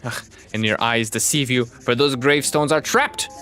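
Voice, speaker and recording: A man voicing a scheming, grandiose cartoon villain from game dialogue, with slow, theatrical menace. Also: medium pitch, pushed and bright, natural voice. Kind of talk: reading game dialogue aloud.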